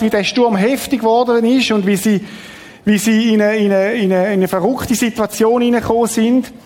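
A man's voice: high-pitched, darkish tone. A middle-aged man, giving a conversational sermon as a pastor and asking the congregation questions. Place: church hall. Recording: long hall reverb.

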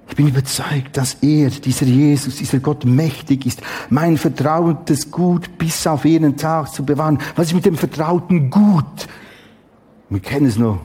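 A middle-aged man preaching a Bible teaching, dramatic and emphatic with exclamations and long pauses. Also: on the high side, dark tone, slightly rough.

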